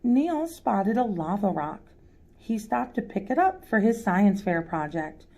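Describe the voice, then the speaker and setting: Her voice is mid-range with a darkish tone and wide pitch swings as she reads a children's picture book aloud for storytime. She addresses the young listeners directly and pauses to ask them questions.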